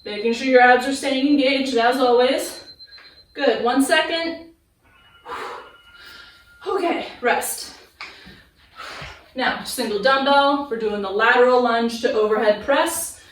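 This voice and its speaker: A woman with a fairly high voice coaches a workout like a fitness influencer, giving clear form cues and encouragement. She speaks in slow, spaced-out instructions and counts. The recording is very echoey, as if in an open room. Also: a little hiss or hum. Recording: echoey room, distant microphone.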